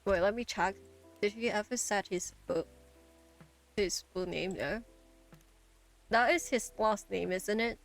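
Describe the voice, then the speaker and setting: A woman's voice: medium pitch, a little slow, vocal fry, long pauses, soft background music. A woman who is not a native English speaker, streaming a game in a chatty, self-deprecating way with lots of fillers.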